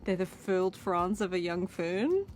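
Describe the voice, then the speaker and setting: A woman's voice: lowish voice, expressive, a little slow, a little mellow, soft background music. An actress playing a young woman with a put-on Australian accent, ordering odd pizza toppings by phone in a film comedy scene. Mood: deadpan chirpy. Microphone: phone call in film scene.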